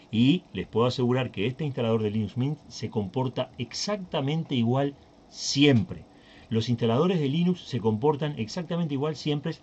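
A man's voice: medium pitch, a little mellow, lo-fi sound, a little hiss or hum. A Uruguayan man hosting a tech channel, talking casually through a screen recording and thinking aloud with many fillers and restarts. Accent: Uruguayan Spanish.

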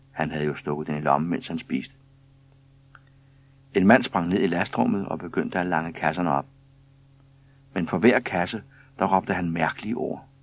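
A man narrates a children's story in a calm, even way. His voice sits very low and a little husky. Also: no echo. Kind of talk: scripted children's story reading.

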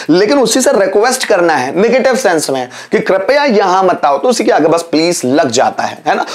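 A young man gives a spoken English lesson in a high, bright voice. His pitch rises and falls in a lively, sing-song way. He slows right down to dictate each example sentence. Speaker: English teacher.

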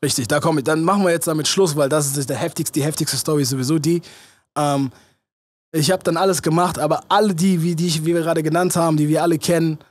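A young man with a slightly husky, somewhat high voice tells a story as a guest on a chatty podcast. He acts out what people said and slips English phrases into his storytelling. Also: steady tone, fast. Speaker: podcast guest, choreographer and show director. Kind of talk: animated anecdote-telling in casual chat.

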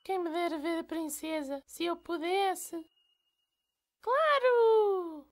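A woman's voice: very high voice, slow. A woman voicing a plucky, sweet young boy frog hero in a cartoon dub, with a European Portuguese accent. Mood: wistful.

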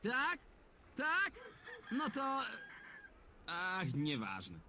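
A man's voice: high-pitched, huge pitch swings, extremely slow, pushed and bright, slight background noise, exaggerated voice. An actor voicing a sarcastic, sulky talking male bird in a dubbed adventure game. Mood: sardonic. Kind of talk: game dub voice acting.

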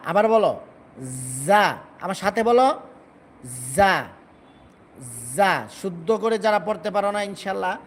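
A man's voice: high voice, fairly even intonation, quick pace, hardly any pauses, a little hiss or hum. A man teaching Quran pronunciation in a live stream, stretching out and repeating each letter sound for students to copy.

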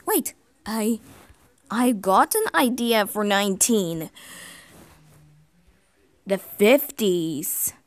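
A woman narrating and hosting a fan-made cartoon in halting, broken phrasing. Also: mid-range voice, animated, no echo. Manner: halting, ungrammatical phrasing with fillers.

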